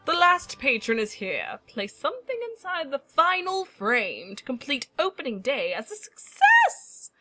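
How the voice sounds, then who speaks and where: A woman's voice: high voice, huge pitch swings, a little slow, hardly any pauses, music in the background. A woman co-hosting a let's play, chatting casually and playfully reading game prompts aloud. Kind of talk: casual gameplay chat.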